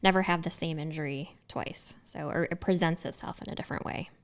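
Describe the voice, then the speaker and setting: A woman's voice: low-pitched, steady tone, a little fast. A middle-aged woman co-hosting a casual podcast, a therapist explaining brain development and chiming in with agreement.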